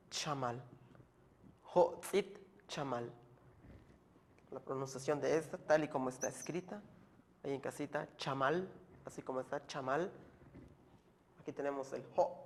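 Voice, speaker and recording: A man with a slightly high voice gives a language lesson. He explains slowly and patiently, repeating each word so the learner can keep up.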